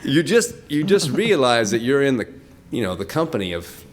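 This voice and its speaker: An older man giving heartfelt off-the-cuff remarks at a tribute, emotional and close to tears, speaking haltingly with many restarts and laughing through it. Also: medium pitch, big pitch swings. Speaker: speaker at a corporate tribute event.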